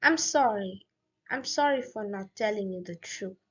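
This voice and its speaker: A woman's voice: mid-range voice, normal speed, breathy edge, lightly acted. A woman reading a remorseful young girl. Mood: regretful. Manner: soft and apologetic. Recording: dull lo-fi audio.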